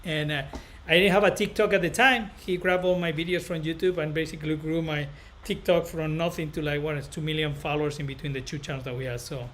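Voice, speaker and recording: A barber educator from northern Spain, speaking with a Spanish accent, hosts a casual live stream and chats with viewers in a rambling, halting manner, often repeating himself. His voice is a little high, steady and fairly bright, with a slight hiss or hum in the recording.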